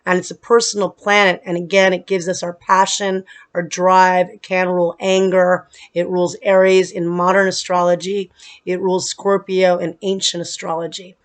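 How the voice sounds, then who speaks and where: A woman's voice: on the low side, flat delivery, moderate pace. Astrologer woman losing her voice. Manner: explanatory, with some restarts and filler. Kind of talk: casual astrology talk to camera. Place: humid place.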